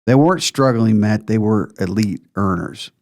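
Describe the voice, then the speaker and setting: A man's voice: fairly low pitch, normal speed, vocal fry, darkish tone. A man hosting a retirement planning podcast, explaining figures step by step with emphasis.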